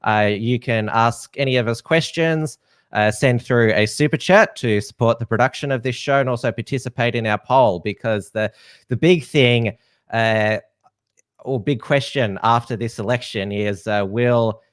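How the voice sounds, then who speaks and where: A man hosts a live-streamed political commentary show. He pauses often and fills the gaps with "uh". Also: medium pitch, smooth, dry recording. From Australia. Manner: hesitant, many uh fillers. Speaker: host.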